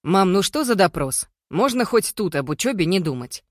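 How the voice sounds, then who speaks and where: A man's voice: a little high, animated, normal speed, a bit bright, dry recording. A reader voicing a breezy, impatient young man who teases and protests casually, in a dry recording.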